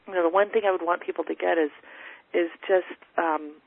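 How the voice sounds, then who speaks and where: An earnest woman guest tells her own story in a halting way, restarting phrases and reaching for words. Her voice comes through a thin, phone-like line that sounds dry and close, with no room around it. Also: on the low side, fairly even intonation, creaky, no room sound. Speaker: podcast guest. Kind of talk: casual storytelling.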